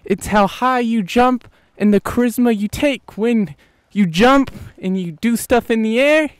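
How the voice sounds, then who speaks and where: A hyped arena announcer for monster truck night, as a man puts him on, pitched very high and stretching every word out slowly. The showman hype comes through clean and smooth on a dry, close mic with no room around it. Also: no echo. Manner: drawn-out, booming showman hype. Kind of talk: improvised announcer role-play.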